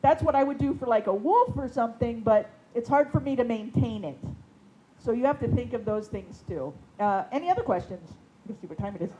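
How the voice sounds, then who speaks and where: Brief: high-pitched woman, chatty workshop teacher, faint noise behind. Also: lively intonation, fairly quick, warm tone, dull audio. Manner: chatty, many fillers, laughs easily. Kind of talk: casual workshop talk. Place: indoor seminary classroom.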